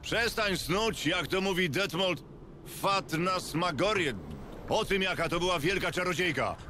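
A man's voice: high-pitched, measured pace. A man playing an irritable, blustering warrior king in a video game. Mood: irritable, uneasy. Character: gruff, blustering, foul-mouthed warrior king. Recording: game ambience noise behind.

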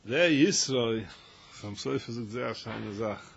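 A man giving a Torah lesson as a rabbi, telling stories with halting restarts and rising to loud, emphatic stretches. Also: mid-range voice, vocal fry, husky. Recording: dull lo-fi recording with faint noise.

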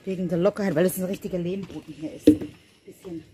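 Heavy background noise surrounds this woman's fairly low, steady voice, which runs a little fast. She's a mother and vlogger, planting in her garden at night and casually addressing her viewers in a chatty family vlog.

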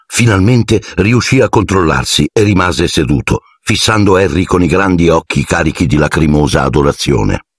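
A male audiobook narrator who tells the story with expressive, dramatic flair. His low voice has a gravelly, husky texture, and his pitch moves a lot. The sound is close and dry. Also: no echo.

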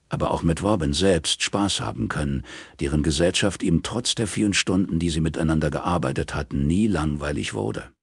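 Deep husky male audiobook narrator. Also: no echo, studio quality. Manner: calm, measured storytelling. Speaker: audiobook reader. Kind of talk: scripted narration.

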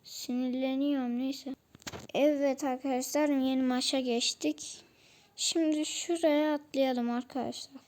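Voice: high voice, fairly even intonation, unhurried, a little mellow, slight background noise. A channel host giving casual commentary while playing a shooter game, chatting to viewers and grumbling about weapons.

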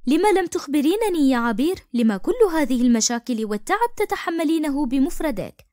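A woman voicing a kind, caring adoptive mother in an animated storybook, speaking gently and tenderly. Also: fairly high pitch, a little fast, no echo, studio quality. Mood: worried.

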